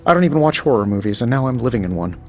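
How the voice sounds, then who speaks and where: A man's voice: medium pitch, big pitch swings, rapid-fire. A man playing a wisecracking, jittery genius inventor superhero in a video game, with a glib, sarcastic, theatrical delivery. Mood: nervous joking. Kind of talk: video game dialogue acting. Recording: tinny band-limited audio, music underneath. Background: background music.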